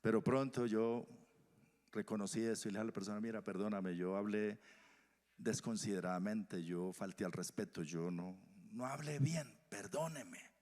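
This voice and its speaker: A male pastor from Colombia preaching a sermon, swinging from loud emphasis to hushed whispers. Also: on the low side, moderate pace. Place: church hall. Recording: church hall reverb.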